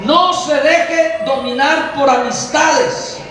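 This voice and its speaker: A man preaching a lively sermon to a congregation in a church hall, playfully mimicking the excuses of young people. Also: very high-pitched, takes it slowly. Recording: very echoey hall, voice from far off, faint noise.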